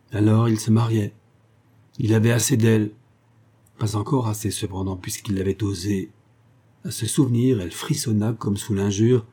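A man reading a classic story aloud as audiobook narrator, measured and expressive. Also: lowish voice, husky.

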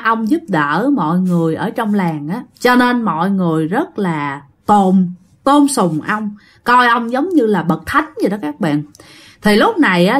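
Chatty woman telling ghost stories. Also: mid-range voice. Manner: chatty, repeats words for suspense. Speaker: storyteller. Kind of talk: ghost story narration to viewers.

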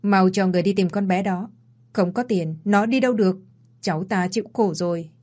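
A woman voicing an angry old grandfather in an audio story, scolding and shouting. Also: mid-range voice, brisk, close to an everyday voice.

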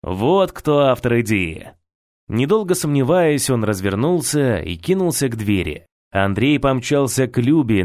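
A male audiobook narrator with a mid-pitched voice and animated intonation. He tells the story expressively, recorded dry and close. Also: dry recording.

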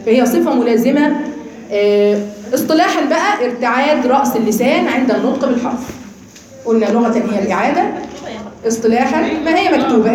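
A woman with an Egyptian Arabic accent teaching a live class, explaining quickly and quizzing her students. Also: high voice, darkish tone. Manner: explains then demonstrates sounds slowly, quizzing students. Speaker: Quran recitation teacher. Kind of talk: live class lecture on tajweed. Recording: very echoey room with people around.

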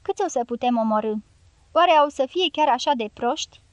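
A woman reading the part of a calm, sly older male guerrilla leader who gives quiet orders in an audiobook. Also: sits high, no room sound. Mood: gleeful.

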